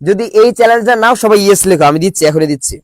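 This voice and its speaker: High-voiced playful online teacher, man. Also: rapid-fire, dry recording. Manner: playful, drills students with call-and-response questions. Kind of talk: live online class.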